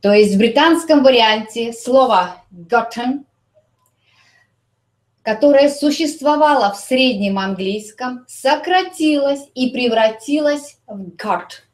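A woman teaching an English grammar lesson, explaining slowly and repeating English example sentences. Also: a little high, lively intonation.

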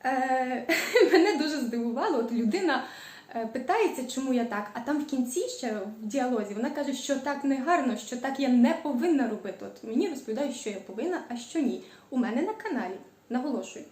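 A woman from Ukraine chatting casually in a home cooking vlog, stretching out the ends of words and pausing on filler sounds. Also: sits high, animated, a little mellow. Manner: stretches out word endings; frequent hesitant fillers. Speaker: cooking vlogger. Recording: echoey room.

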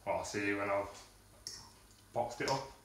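A man's voice: on the low side, moderate pace. A young man chatting casually through a video diary in his small home kitchen, rambling with lots of fillers, picked up by a camera across the room. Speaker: fitness vlogger. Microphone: camera mic from across the room. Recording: echoey kitchen, camera far off, noisy.

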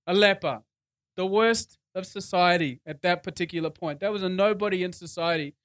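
High-voiced man preaching casually. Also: moderate pace, fairly bright tone. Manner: conversational, repeats phrases for emphasis. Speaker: pastor. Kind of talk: sermon. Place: church.

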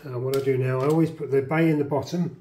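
A man's voice: medium pitch, fairly even intonation, quick pace, echoey room, music in the background. A man giving plain, practical, chatty instructions on drying garden herbs at home. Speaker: gardener showing how to dry herbs. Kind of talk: casual how-to demonstration. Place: home kitchen, indoors.

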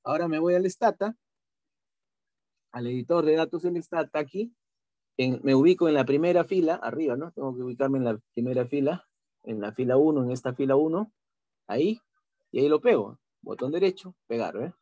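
A man teaching an online class, patiently walking through software steps, repeating himself and checking in with tag questions. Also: fairly high pitch, expressive, fairly quick, no echo, studio quality.

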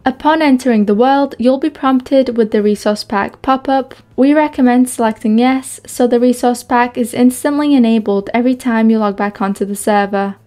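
A woman's voice: a little high, normal speed, hardly any pauses, mellow. A young adult woman hosting a gaming video, with gameplay chat and tutorial narration.

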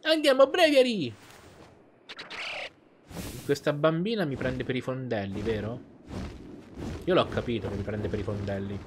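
This gaming YouTuber's voice is fairly low and his speed normal, with background noise and faint game music audible. In a casual let's play, he chats, thinks aloud, and reacts with exclamations while playing.

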